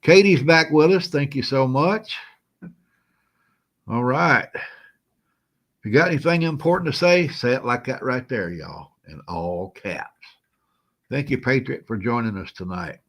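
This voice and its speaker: A man's voice: medium pitch, lively intonation, measured pace, pauses often, a bit bright. A man hosting a casual live stream, greeting viewers by name in a folksy, chuckling way while feeling a little unwell. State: feeling unwell, moving slow.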